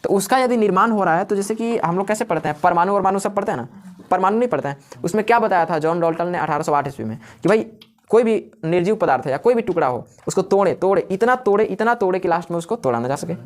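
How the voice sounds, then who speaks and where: Fast-talking teacher quizzing his class. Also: high voice, animated. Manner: asks questions and answers them himself, repeating key words. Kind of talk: live classroom lecture. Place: classroom with students.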